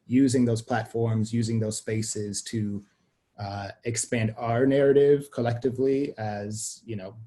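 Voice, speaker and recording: The lowish, warm voice belongs to a young man from Sweden being interviewed over video call, who talks in a reflective, expansive way full of restarts.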